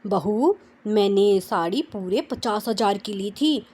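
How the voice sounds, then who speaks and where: A woman voicing a middle-aged mother-in-law who speaks in a measured, firm, kindly instructing way. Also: mid-range voice, expressive, a little mellow, husky.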